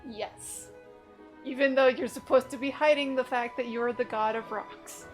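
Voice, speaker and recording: While playing a video game, a woman offers casual, playful commentary, cracking jokes and voicing mock quotes. Her high-pitched voice stays fairly even at a normal pace, with faint music in the background.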